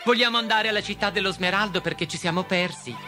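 A man's voice: sits high, fast, over music, pitched above the performer's own voice, lightly acted. A man voicing a determined young girl who speaks firmly and earnestly. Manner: firm and earnest.

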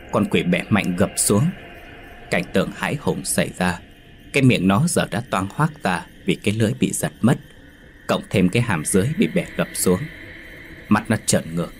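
A man narrating a horror story in steady, dramatic storytelling. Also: low-pitched.

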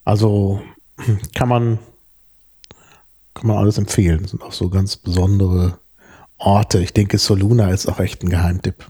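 A man talks in a relaxed, lecturing way, stopping often for fillers and wandering into side topics. His voice is mellow and a little husky. He sounds steady and unhurried. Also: deep voice. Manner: explains at length with many fillers and pauses; lecturing, digresses into etymology. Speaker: podcast co-host. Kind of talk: casual chat about bread and word origins.

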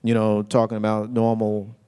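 A middle-aged man hosting an internet radio talk show, chatting casually in relaxed, colloquial speech. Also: lowish voice, moderate pace, clean tone. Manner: relaxed, colloquial, laughs often. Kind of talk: casual chat.

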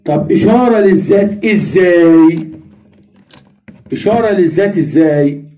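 Teaching a religious study lesson at a moderate pace, an Egyptian Arabic-accented man asks his own questions, answers them and goes over each point again. His voice sits high but has a dark tone.

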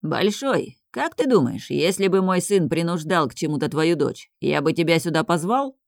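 A reader doing a cold, mocking crime boss. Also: male voice, on the high side, animated, normal speed, creaky, dry recording, studio quality. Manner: sharp, cold, sneering. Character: dangerously calm, mocking middle-aged crime boss.

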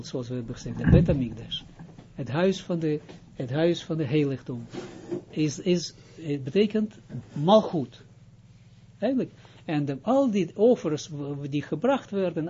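A man's voice: a little high, dark tone, lo-fi sound, a little hiss or hum. A man, a rabbi, giving an informal spoken lesson, explaining step by step and often stopping to check that listeners follow. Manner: explains with frequent checks like "Duidelijk?" and halting restarts. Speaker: rabbi teaching Kabbalah.

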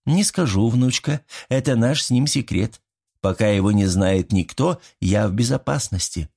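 A man voicing a calm, soft-spoken but insistent old grandmother spirit in a fairy tale. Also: on the low side, normal speed, gravelly, husky, heavily acted. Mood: calm, firm.

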